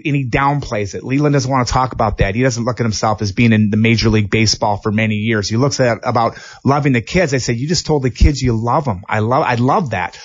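A man's voice: mid-range voice, dull audio. Enthusiastic male host telling stories. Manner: enthusiastic storyteller, acts out quotes. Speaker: interview host, former hockey player. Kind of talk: casual interview. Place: office.

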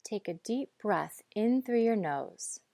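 A woman guiding breathing and muscle relaxation in a calm, measured, instructive way. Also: mid-range voice, creaky, no echo, clean studio sound. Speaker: guide.

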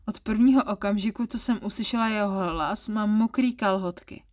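A woman reading a first-person erotic story aloud in a soft, intimate, self-conscious way. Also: medium pitch. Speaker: story reader.

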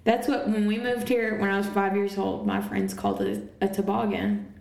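A woman's voice: mid-range voice, animated, moderate pace, gravelly, darkish tone. Woman co-host, casual faith podcast, frequent laughs, roomy sound. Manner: chatty, laughs often. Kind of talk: casual chat. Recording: roomy echo.

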